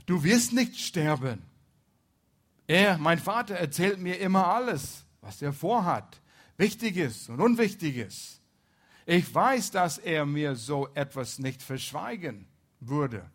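A man's voice: fairly high pitch, expressive, takes it slowly, fairly bright tone, pitched above the performer's own voice, full character voice. A man voicing the loyal prince Jonathan in a retold Bible story, speaking emphatically and insistently.

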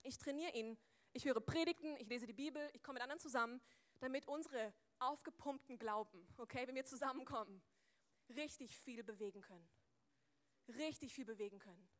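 A woman preaches a sermon with a fairly high voice, talking close into a microphone. She is lively and chatty, acting out small scenes and throwing quick asides to her listeners.

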